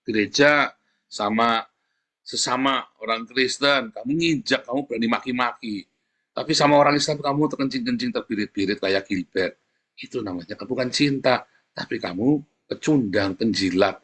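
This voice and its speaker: A man preaching a sermon in a blunt, colloquial way, swinging between loud emphatic lines and soft asides to the congregation. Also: medium pitch, normal speed. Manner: animated, swings loud and soft, addresses listeners as brothers and sisters.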